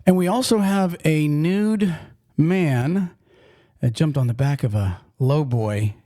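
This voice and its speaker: A man's voice: on the high side, takes it slowly, dark tone. Folksy rambling male podcast host. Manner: folksy, rambling, frequent restarts. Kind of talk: casual trucking podcast chat.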